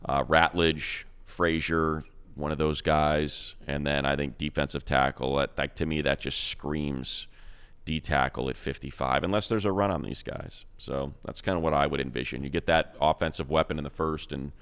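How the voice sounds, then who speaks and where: Talking football casually at normal speed, a radio play-by-play announcer and podcast co-host uses his very deep, smooth, clear voice. His talk is rambling and relaxed, full of restarts, stumbles, and repeated words as he works through his thoughts.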